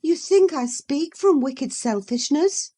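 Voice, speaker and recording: A woman's voice: high voice, animated, slow, dark tone, pitched above the performer's own voice. A woman voicing a proud, scornful young woman who speaks bluntly and emphatically. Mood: defiant.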